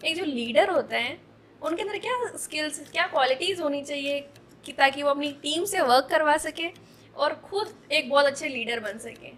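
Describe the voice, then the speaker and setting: A woman's voice: sits high, normal speed, a bit bright. A woman hosting a podcast interview, asking her guest questions politely and calling him sir. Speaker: podcast host.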